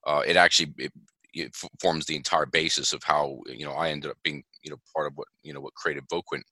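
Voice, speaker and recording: A man's voice: a bass voice, steady tone, a little fast, pushed and bright, breathy edge, no echo. A man who founded a voice agency, talking earnestly in a podcast interview and stressing his points with many restarts.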